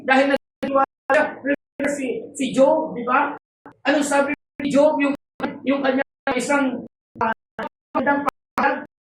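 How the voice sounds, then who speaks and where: A woman's voice: sits high, steady tone, normal speed, distant mic, a little hiss or hum. A woman preacher giving a sermon to her congregation. She asks rhetorical questions and stresses key words. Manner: code-switching, rhetorical questions, emphatic. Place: church hall. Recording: roomy hall, off-mic, faint ambience.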